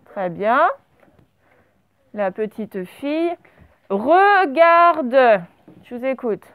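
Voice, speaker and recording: A woman teaching a primary class, dictating words slowly and spelling them out letter by letter. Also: on the high side, expressive, narrow, tinny audio. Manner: slow, over-articulated dictation of words.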